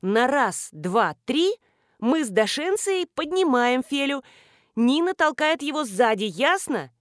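Bossy excitable bride, played by a woman narrator; commanding, high and shrill. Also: a little slow, dry recording, studio quality. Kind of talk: audiobook character reading.

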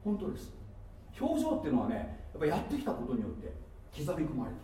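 A man preaching a sermon, playful and animated, with asides and laughter, recorded from a distance in a church hall. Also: fairly high pitch, fast talker. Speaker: pastor. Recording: echoey hall from far off with faint noise.

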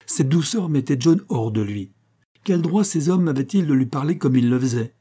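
A man narrating a classic novel as an audiobook, in a measured, dramatic reading. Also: medium pitch, lively intonation, mellow, breathy edge.

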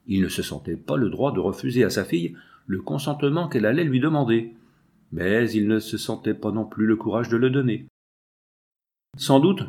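Male narrator for a classic novel audiobook, measured and solemn. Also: medium pitch, darkish tone.

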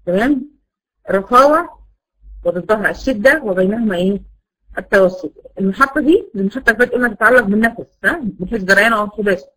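Fast-talking Egyptian woman teacher. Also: medium pitch, a bit bright, poor audio. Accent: Egyptian Arabic. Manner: asks the class rhetorical questions and answers them. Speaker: Quran recitation teacher. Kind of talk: classroom lesson.

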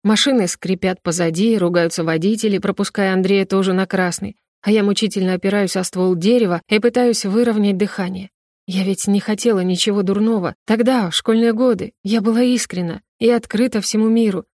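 Young woman, first-person audiobook narration, emotional, tearful, mid pitch, dry close sound. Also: fairly even intonation, brisk, darkish tone, no room sound.

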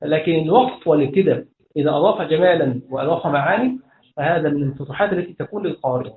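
A man's voice: a little high, very fast, a crowd in the background. A man with an Egyptian accent teaching a grammar class as a sheikh, reciting verses and questioning his students. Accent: Egyptian Arabic. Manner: questions the class and answers himself. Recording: echoey room over a phone-like line.

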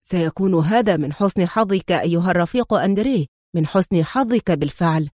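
A woman reading a storybook, voicing a cold, menacing male general who speaks quietly. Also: on the low side, fairly quick, no room sound, clean studio sound, lightly acted. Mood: icy. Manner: quiet and icy.

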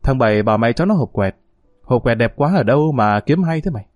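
A man's voice: mid-range voice, animated, quick pace, no room sound, studio quality, faint music behind, close to an everyday voice. Man voicing a brash young street hoodlum. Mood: mock-bossy. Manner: rough, bossy swagger.

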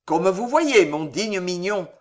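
A man playing a calm, mocking young swordsman. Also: sits high. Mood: wry. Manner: calm, wry, unhurried.

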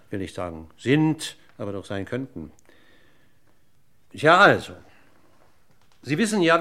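An actor in a radio crime drama voices a courteous, wordy police inspector, speaking formally, deliberately, and in a roundabout way. His male voice is on the low side, gravelly, and a bit bright.

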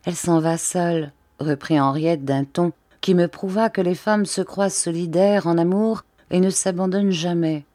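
Mellow low-voiced woman reading a classic novel. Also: no room sound, clean studio sound. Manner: measured, expressive reading. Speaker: audiobook reader. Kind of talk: literary audiobook narration.

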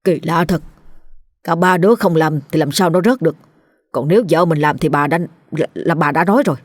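A woman's voice: sits low, brisk, no echo, studio quality. A woman doing a flustered stammering old-style father. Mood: musing. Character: flustered middle-aged father, guilty, jumpy.

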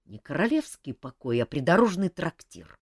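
A woman voicing an irritable, grumpy adult king who scolds gruffly. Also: low voice, big pitch swings, moderate pace, no echo, studio quality, exaggerated voice. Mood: grumbling.

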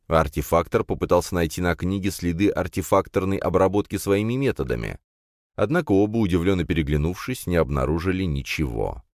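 Deep-voiced male audiobook narrator. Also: dry recording, clean studio sound. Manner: expressive storytelling.

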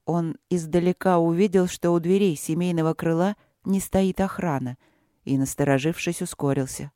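Audiobook narrator, measured, warm tone, dead-dry booth sound. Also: mid-range voice, fairly even intonation, no echo. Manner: measured storytelling reading. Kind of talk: scripted narration.

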